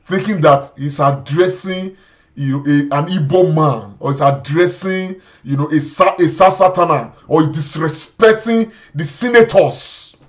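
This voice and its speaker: A man's voice: fairly high pitch, a little slow. A man with a Nigerian accent hosting a show, giving indignant political commentary, repeating himself and slipping into Pidgin. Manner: indignant, repetitive, mixes in Pidgin. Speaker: host.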